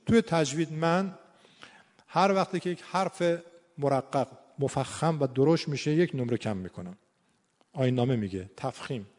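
Guy teaching tajwid, slightly high voice, stretches out example words, long echo. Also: darkish tone. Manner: explanatory, drawn-out demonstrations of sounds. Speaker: Quran recitation teacher. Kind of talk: tajwid lesson on scoring recitation. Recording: long hall reverb.

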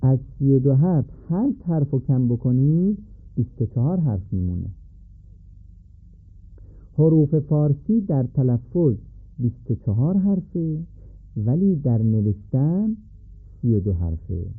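A teacher delivers a measured recorded lesson on letter pronunciation, frequently asking his students questions. His mid-range voice is husky, slightly breathy, and very animated. The audio is narrow-band and tinny, like a phone call.

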